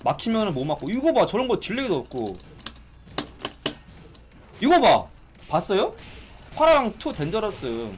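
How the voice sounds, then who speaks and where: A man giving excitable live commentary on a fighting game, exclaiming and complaining as he plays. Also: sits high, moderate pace, pauses often, a little hiss or hum. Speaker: gaming streamer.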